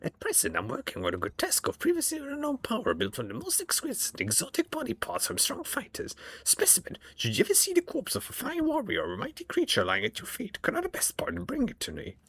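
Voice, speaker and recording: A sadistic alien surgeon from a video game, boasts in a high, strained voice that swoops widely. He is grandiose and menacing, often slipping into breathiness. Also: wildly swooping pitch, fast, gravelly, few pauses, fairly bright tone, breathy edge, no room sound, full character voice. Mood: eager, demanding. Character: arrogant, sadistic alien flesh-sculptor, proud of his genius. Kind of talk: video game dialogue read aloud in character.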